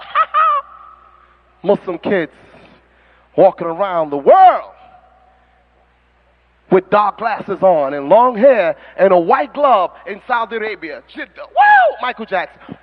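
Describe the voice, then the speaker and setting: A man preaching as an imam, fiery and mocking, in an animated sermon style, on a dull lo-fi recording. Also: high voice, long reverb tail.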